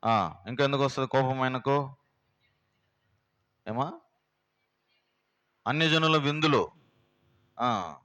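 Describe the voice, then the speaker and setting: Male pastor, middle pitch, homely preaching full of rhetorical questions. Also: slow, long pauses, a bit bright. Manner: plain, homely, fires rhetorical questions at the congregation. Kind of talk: sermon teaching. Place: prayer house.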